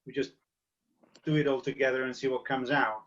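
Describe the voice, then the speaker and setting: A man's voice: mid-range voice, flat delivery, a little fast, fairly bright tone. Male band member; easygoing, joking teller of long anecdotes; lo-fi podcast recording. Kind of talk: casual interview chat. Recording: slightly muffled lo-fi sound.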